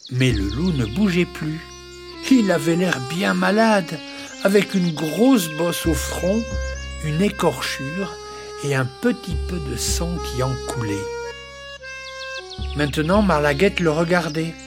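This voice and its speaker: A storyteller reading a children's tale aloud in a lively, expressive way with playful asides. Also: mid-range voice, slow. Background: background music.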